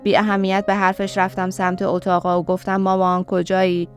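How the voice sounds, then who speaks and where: A woman narrating a story in a calm, even reading style. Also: medium pitch, faint music behind.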